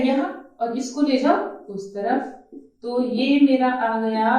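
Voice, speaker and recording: High-voiced woman teaching in an echoey room. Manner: coaxing, checks understanding, calls students "beta". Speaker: chemistry teacher. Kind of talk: classroom lecture. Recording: very echoey room, mic far off.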